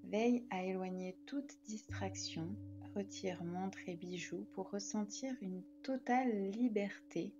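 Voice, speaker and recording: Calm and soothing, a woman guides listeners through a yoga nidra relaxation meditation. Her voice sits in the mid-range, and the recording sounds muffled.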